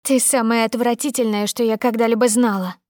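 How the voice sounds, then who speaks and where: A woman reading an audiobook, voicing a desperate young woman who bursts out in loud, pleading, indignant lines, higher than her own narration. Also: fairly even intonation, brisk, dry recording, clean studio sound, lightly acted. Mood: bitter.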